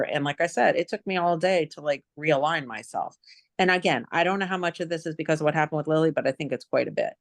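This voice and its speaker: A woman in an online class shares her feelings in a halting, emotional way, full of "you know", over a video call. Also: sits low, dry recording, clean studio sound. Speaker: class participant. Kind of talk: personal sharing.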